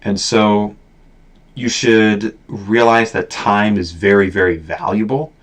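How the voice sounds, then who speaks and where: Deep-voiced young man rambling earnestly. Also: steady tone, takes it slowly. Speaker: YouTuber. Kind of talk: casual rambling vlog talk.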